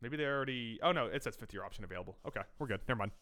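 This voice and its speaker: A man co-hosting a sports podcast in casual chat, with wry asides and a quick rundown of the games. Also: mid-range voice, animated, pushed and bright. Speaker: podcast co-host.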